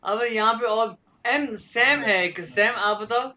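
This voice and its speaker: A man from Pakistan teaching a German class online, drilling letters slowly and clearly. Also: very high voice, pushed and bright. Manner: slow, drawn-out letter drills. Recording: dull lo-fi call audio.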